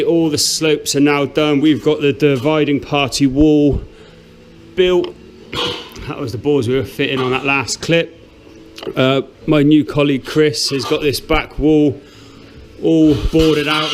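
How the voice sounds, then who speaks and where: There's a little hiss or hum behind this man's somewhat high voice. He's a middle-aged renovation vlogger indoors at a house under renovation, narrating casually and sarcastically while he films.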